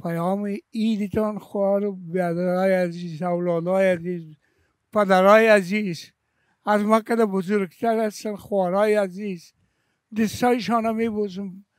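A man's voice: high-pitched, fairly even intonation, no echo. An older man with an Afghan Dari accent, a veteran singer, reminiscing emotionally and a little rambling as a guest on a TV chat show. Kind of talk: casual TV chat. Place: TV studio.

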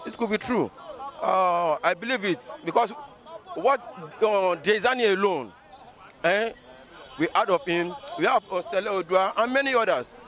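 Middle-aged man, slightly high voice, halting and hesitant, street interview on a handheld mic. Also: animated, fairly bright tone. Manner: hesitant, halting, full of pauses. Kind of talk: street vox pop opinion. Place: busy city street outdoors. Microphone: handheld mic held by interviewer.

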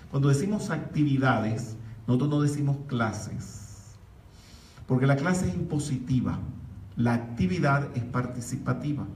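A middle-aged man lectures on spiritual practice with the projected, emphatic voice of a trained opera singer, his pitch swinging widely. He sounds distant from the mic in a reverberant hall, with faint hiss underneath. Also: darkish tone. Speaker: metaphysics lecturer.

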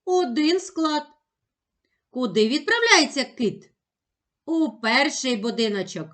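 A woman teaching young children, speaking slowly with exaggerated, sing-song emphasis on each sound and syllable. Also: sits high, big pitch swings, fairly bright tone. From Ukraine. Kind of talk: slow, clearly enunciated lesson for young children.

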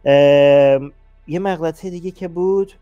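A man's voice: a little high, warm tone, smooth, dry recording, lo-fi sound, soft background music. A male host explaining ideas in a casual, hesitant way, often restarting and checking in with the listener. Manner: hesitant, frequent restarts and "okay?" check-ins. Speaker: host of a talk show. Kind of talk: casual explanatory talk on logical fallacies.

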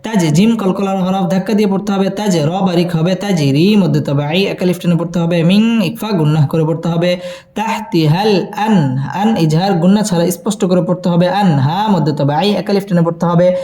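A man teaching Quran recitation with tajweed, spelling syllables slowly and chanting verses in a drawn-out melodic style. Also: sits high, mellow, reverberant.

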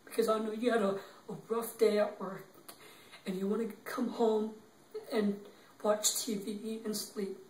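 An actor playing a young man who gently consoles his grieving girlfriend, speaking in a halting, tearful, repetitive way. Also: high-pitched, flat delivery, a little hiss or hum. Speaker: actor in an improv demo reel. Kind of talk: improvised dramatic monologue. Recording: roomy, distant from the mic.

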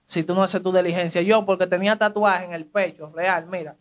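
A man's voice: high-pitched, fairly even intonation, fairly quick. A young man with a Dominican accent telling his life story in casual street slang, acting out the voices of the people he quotes. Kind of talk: casual testimony.

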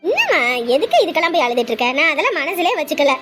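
A woman's voice: very high-pitched, big pitch swings, very fast, music in the background. A middle-aged woman acting a soothing, motherly part in an amateur family drama. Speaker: actress playing a mother.

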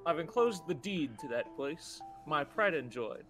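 A heartfelt letter from a young grandfather, read aloud by a man in his own voice. The reading is lively and rises and falls a lot, set a touch high, and game music plays clearly underneath. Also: a little slow. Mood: earnest. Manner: reads the letter aloud casually, barely changing his voice.

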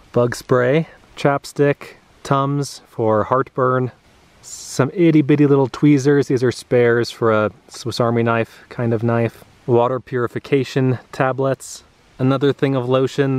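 A man in his thirties casually talking through the items he keeps in his car, with a relaxed, chatty delivery and frequent "uh" fillers, recorded outdoors in a grassy clearing. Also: medium pitch. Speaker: vlogger. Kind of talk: casual show-and-tell.

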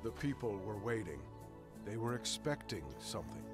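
A man narrating scripture as a solemn storyteller in a video game, measured and formal. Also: lowish voice, expressive, natural voice. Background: game music.

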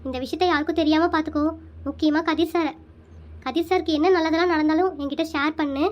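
A performer voicing a heartbroken young woman in a comic cartoon, speaking softly and quietly. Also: sits high, fairly even intonation, quick pace, dull audio, natural voice. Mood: sad. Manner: soft, subdued.

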